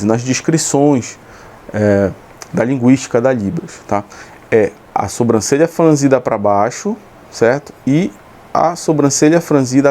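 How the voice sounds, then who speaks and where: A man's voice: medium pitch, dark tone. A man with a Brazilian Portuguese accent teaching a video lesson, explaining patiently and often checking that his students follow. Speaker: sign language teacher.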